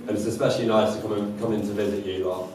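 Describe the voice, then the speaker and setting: A man's voice: fairly low pitch, little pitch movement, very fast, a little mellow. A young man giving an informal, chatty wedding speech as the groom, joking and stumbling over words. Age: young adult. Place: large echoey wedding venue with guests. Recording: very echoey, noisy room, distant mic.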